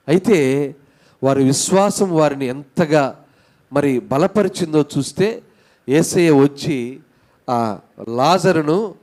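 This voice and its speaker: A man with a Telugu accent preaching a church sermon as pastor, rising in emphasis and asking his congregation questions. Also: fairly high pitch.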